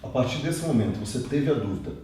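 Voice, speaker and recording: A man's voice: medium pitch, lively intonation, quick pace, warm tone. A man from Brazil hosting an interview, chatting casually and asking probing questions. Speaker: interview host. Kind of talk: conversational interviewing. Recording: roomy echo from a distant mic.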